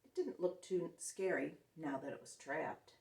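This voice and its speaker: Her voice sits low and creaky, and she reads a little slowly as she shares a picture book with young listeners. This children's storyteller acts out each character expressively and quizzes the kids along the way. The sound is echoey, captured from a distant microphone.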